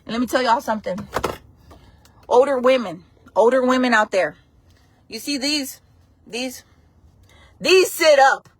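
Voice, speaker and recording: Blunt, higher-voiced woman in her forties. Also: expressive, unhurried, long pauses. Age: 40s. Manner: blunt, frank and playful, reacting to chat. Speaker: livestream host. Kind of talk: casual livestream chat.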